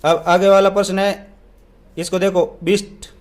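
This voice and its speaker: A young man teaching an English exam paper, asking questions and answering them himself, reading the English lines out slowly. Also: high voice, flat delivery. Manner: asks and answers own questions.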